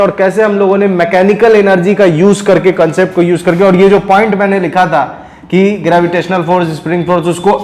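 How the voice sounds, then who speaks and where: A man's voice: high-pitched, a little mellow, echoey room. A male physics teacher from India working through a problem step by step and often asking if students follow. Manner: explains step by step, often checks understanding. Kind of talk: recorded classroom lecture.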